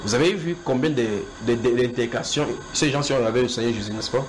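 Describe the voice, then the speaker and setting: Speaking fast in a mid-range voice, a man preaches in a house church on a rough recording with a little hiss or hum. His sermon is repetitive, and he directly asks his listeners whether they are keeping up.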